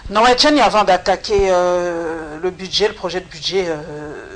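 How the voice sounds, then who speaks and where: A woman's voice: on the low side, a little slow, faint music behind. Direct woman interviewer. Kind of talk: TV interview questions.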